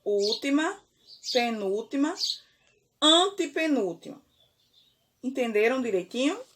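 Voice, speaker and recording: A woman teaching young children with a Brazilian Portuguese accent. Her voice sits a little high and she speaks slowly, stretching out key words. She keeps checking in with her pupils through short questions. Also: big pitch swings, fairly bright tone. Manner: slow, deliberate, stretches key words, frequent "certo?" and "ok?". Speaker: primary school teacher. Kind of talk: remote classroom lesson.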